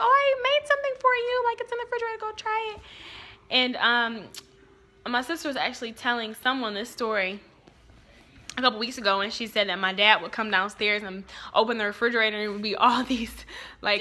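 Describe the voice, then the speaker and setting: A woman's voice: medium pitch, sharp tone. A young woman in her twenties, a cooking show host, telling a childhood story in a casual, chatty way full of fillers. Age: 20s.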